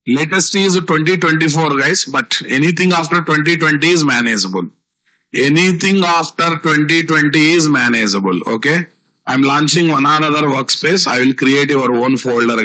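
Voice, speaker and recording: Bright-voiced Indian man teaching, Telugu accent. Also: a little high, low-quality recording. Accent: South Indian, Telugu. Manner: repetitive teaching with rhetorical questions and tag words. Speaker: software instructor. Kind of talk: live online programming class.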